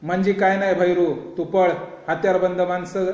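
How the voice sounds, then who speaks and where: A man's voice: high voice, flat delivery, moderate pace, darkish tone, natural voice. A man voicing a brave young village fighter who gives urgent, commanding orders, in a roomy, dull lo-fi recording.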